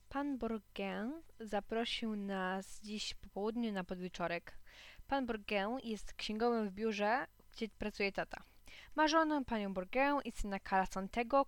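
A woman narrating a children's story in a lively, playful way. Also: medium pitch, dry recording. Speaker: audiobook narrator.

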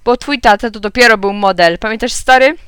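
A woman reading an audiobook, voicing a jovial, loud middle-aged man who teases his old school friend in a hearty, booming way. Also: fairly quick, clear, resonant tone, dry recording, studio quality, close to an everyday voice. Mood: jovial teasing.

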